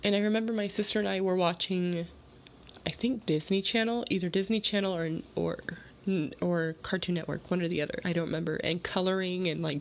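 A woman hosting a casual solo storytelling podcast in an informal, rambling, slangy way, a little sick, with vocal fry in her voice. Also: fairly low pitch, a little hiss or hum. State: slightly sick. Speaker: podcast host.

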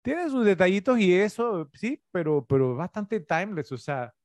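Rambling man chatting about films, higher voice. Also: sing-song, normal speed, dry recording. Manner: rambling, full of tag questions and fillers. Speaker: podcast co-host. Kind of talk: casual film-review chat.

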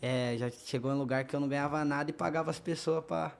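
A man's voice: on the high side, fairly even intonation, fast, vocal fry. A young man with a São Paulo Brazilian accent and a tongue-tied, slushy lisp, telling stories casually in heavy street slang. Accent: São Paulo state Brazilian. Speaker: guest, funk MC. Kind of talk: casual podcast storytelling.

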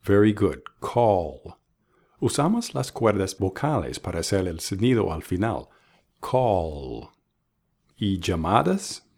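A man teaching English pronunciation in a bilingual lesson, modeling each word slowly and contrasting wrong and right versions. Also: lowish voice, big pitch swings, darkish tone, husky. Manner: slow, deliberate, models words by contrast. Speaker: language teacher.

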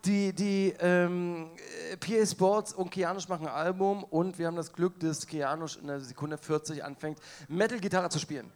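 A man's voice: high-pitched, fairly even intonation, normal speed, hardly any pauses, darkish tone. A man co-hosting a casual podcast, roasting music videos with sarcastic banter and hyping up the crowd. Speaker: podcast co-host. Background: audience present.

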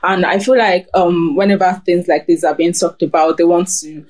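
A woman's voice: fairly low pitch, steady tone, moderate pace, a little mellow. A young woman who grew up in Germany, speaking hesitantly over a phone in a casual group discussion. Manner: hesitant, many fillers.

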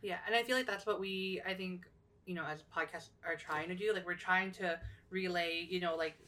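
Young woman podcaster, lowish voice, kinda far from the mic, lots of "you know"s. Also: steady tone, brisk, sharp tone. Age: young adult. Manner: thoughtful, many fillers and restarts. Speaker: podcast co-host. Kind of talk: casual podcast chat.

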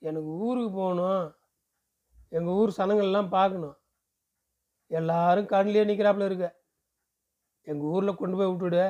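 A man's voice: sits high, fairly even intonation, moderate pace, long pauses, mellow, highs cut off, natural voice. Man voicing a homesick young village woman. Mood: sulky pleading. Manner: pleading, lamenting.

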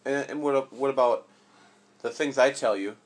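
A man with a voice of middling pitch talks with his young child in a relaxed, casual way. As her father, he keeps asking playful, probing questions. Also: normal speed. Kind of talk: casual chat.

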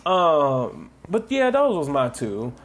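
A man's voice: on the high side, wildly swooping pitch, takes it slowly. A man co-hosting a podcast in casual chat, swearing freely and mimicking people in exaggerated tones. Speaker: podcast co-host.

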